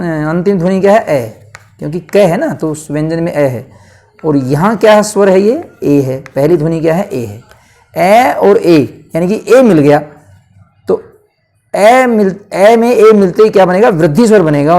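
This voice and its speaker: A man with a north Indian Hindi accent teaching a grammar lesson at a board. He asks questions and answers them himself, and he stretches words out slowly to show how they are said. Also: sits high, animated, a little mellow.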